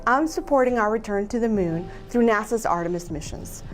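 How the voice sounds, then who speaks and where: A woman from Colombia, an aerospace engineer, giving a measured, earnest scripted statement. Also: mid-range voice, faint music behind.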